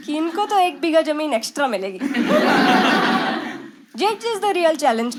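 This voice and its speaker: High-voiced woman doing brash stand-up. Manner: brash and conversational, mixing in English phrases. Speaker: stand-up comedian. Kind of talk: stand-up comedy set. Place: stage before a live audience. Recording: loud background noise.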